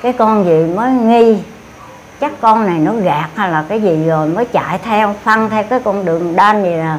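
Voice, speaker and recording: A woman's voice: mid-range voice, moderate pace, slight background noise. An older woman with a Southern Vietnamese accent, recounting an event in a rambling, repetitive way with many fillers. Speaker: interviewee. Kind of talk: casual storytelling.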